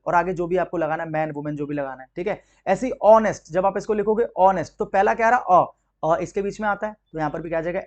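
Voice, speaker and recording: High-voiced Indian-English grammar teacher. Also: male voice, muffled recording. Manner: explains step by step, asks rhetorical questions. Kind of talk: exam-prep grammar lesson.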